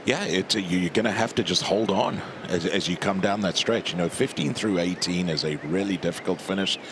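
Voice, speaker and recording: A deep-voiced man works as a golf commentator on a live broadcast. He analyses shots in measured, clipped phrases. Noticeable outdoor noise sits behind his voice.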